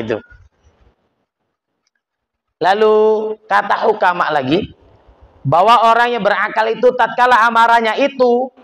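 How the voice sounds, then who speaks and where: High-voiced slow Medan preacher. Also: male voice, fairly bright tone. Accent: Medan Indonesian. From Indonesia. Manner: explains Arabic terms, acts out quoted speech, laughs often. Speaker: religious teacher. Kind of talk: Islamic study sermon. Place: mosque study gathering.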